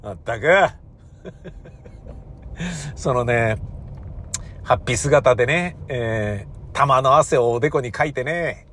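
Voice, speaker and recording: A man's voice: mid-range voice, slow pace, pauses often, fairly bright tone, a little hiss or hum. A man in the entertainment business giving a rambling, self-mocking rant in a casual solo monologue.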